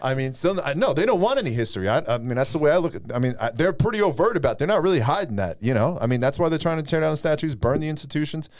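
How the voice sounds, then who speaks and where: A man's voice: on the high side, expressive, very fast, hardly any pauses, darkish tone, dry recording, studio quality. A man hosting a casual chat, talking in a hesitant way with many fillers.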